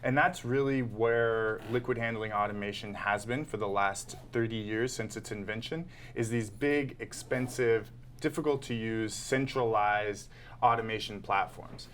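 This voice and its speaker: A man appearing as a guest on a live web show, calmly explaining his company's product in an explanatory pitch. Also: measured pace, slight background noise. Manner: composed, explanatory pitch delivery. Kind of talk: explaining to an interviewer.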